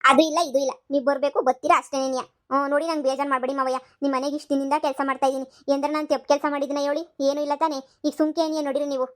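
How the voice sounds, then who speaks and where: A woman's voice: level tone, fast talker, close to an everyday voice. A woman voicing a sly young village housemaid in a cartoon comedy, coaxing and wheedling. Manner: high-pitched, coaxing and wheedling.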